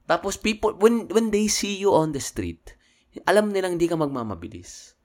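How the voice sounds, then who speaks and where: A man chatting casually as a podcast co-host, laid-back and slangy, getting animated when excited. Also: high voice, normal speed. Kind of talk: casual chat.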